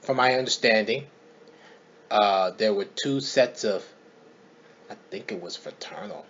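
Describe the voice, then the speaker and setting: A man co-hosting a casual chat, telling family stories with emphatic, animated delivery. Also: on the low side, a little slow. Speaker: co-host. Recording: dull lo-fi recording.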